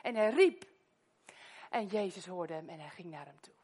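A middle-aged woman from the Netherlands preaching a sermon in a church, telling stories with loud exclamations and wearing a microphone. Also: on the low side, normal speed, husky. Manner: lively storytelling, loud exclamations, soft-spoken prayer. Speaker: guest preacher.

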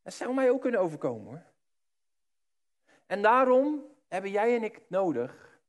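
A man preaching a sermon, addressing the listeners directly and swinging between hushed and loud. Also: sits high.

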